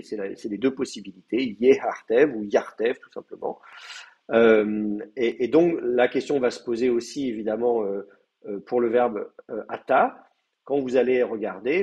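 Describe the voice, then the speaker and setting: A man's voice: medium pitch, darkish tone, lo-fi sound. Man, French accent, lecturing, hesitant, lots of fillers, restarts. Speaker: teacher. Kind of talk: university lecture.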